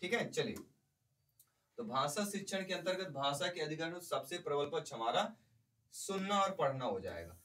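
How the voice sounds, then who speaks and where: A man's voice: a little high, big pitch swings, moderate pace, a bit bright, recorded from a distance, low-quality recording. A male teacher giving an exam-prep lecture, explaining by repeating points and putting questions to the class.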